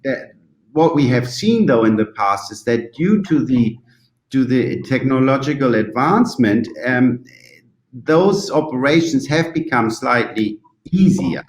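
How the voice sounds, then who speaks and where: Man, German accent, native German speaker, roomy echo, halting, translating in his head, thoughtful interview answers. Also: medium pitch, expressive. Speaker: interview guest from the yachting industry. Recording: roomy, echoing sound.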